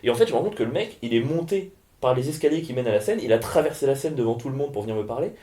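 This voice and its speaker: A male comedian rattles through a jokey backstage story at a brisk clip, animated and loose. His voice sits at an ordinary middle pitch, chatty and unscripted. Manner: animated, joking, rambling anecdotes. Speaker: comedian and podcast co-host. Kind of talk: casual banter and storytelling.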